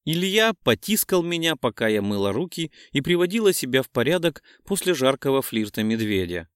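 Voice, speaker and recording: A man reading a first-person romance novel aloud as an audiobook, in a smooth, lively narration. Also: mid-range voice, brisk, no echo, studio quality.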